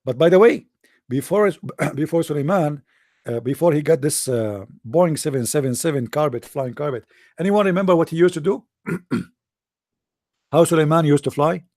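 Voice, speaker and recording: A man's voice: on the high side, moderate pace, a little mellow, no room sound. Sarcastic Arabic-accented man, dry close sound. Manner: sarcastic, mocking. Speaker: religious debater. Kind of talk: online debate talk.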